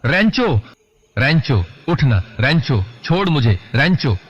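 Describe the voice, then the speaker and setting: A man voicing a frightened young man who shouts urgently in a lo-fi recording. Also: lowish voice, unhurried. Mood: panicked. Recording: lo-fi dull recording.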